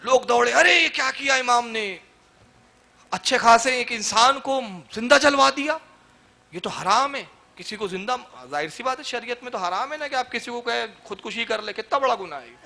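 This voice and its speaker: A male preacher delivers a sermon in story form. His voice sits very high and rings bright and forceful. He narrates dramatically and swells into impassioned proclamation. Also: expressive, creaky.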